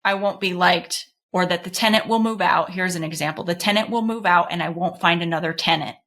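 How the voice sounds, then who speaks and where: Woman guest coach, animated and playful, bright voice, casual asides. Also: fairly low pitch, brisk. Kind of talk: casual podcast conversation.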